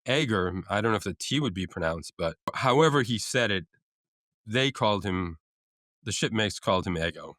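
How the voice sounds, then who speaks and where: A man's voice: lowish voice, animated, moderate pace, a bit bright, dry recording, clean studio sound. A man co-hosting a casual podcast, reading out food trivia with frequent uhs and restarts. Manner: reads out facts with many uhs and restarts. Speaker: co-host.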